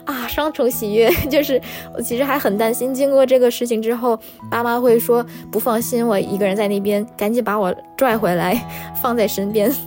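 A woman from China with a high voice tells her own story, animated and emotional, her speech full of fillers. Soft music sits faintly underneath her. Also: fairly quick. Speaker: storyteller recounting a scam. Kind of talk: personal story narration.

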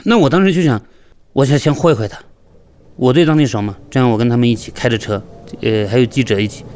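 A man from Yunnan, a local merchant, telling his own story in a lively, chatty way and acting out the dialogue. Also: medium pitch, fast talker, a little hiss or hum. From Yunnan, China. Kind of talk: storytelling interview.

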